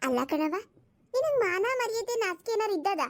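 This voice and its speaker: A woman's voice: extremely high pitch, big pitch swings, normal speed, no room sound, clean studio sound, exaggerated voice. A woman voicing blunt village women who scold the stepmother on their friend's behalf. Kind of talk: cartoon voice acting.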